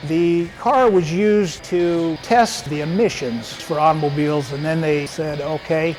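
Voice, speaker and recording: A man's voice: on the high side, measured pace, poor audio. A man giving an informal, explanatory promotional narration as a car expert. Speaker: car expert presenting a restored muscle car. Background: music behind the voice.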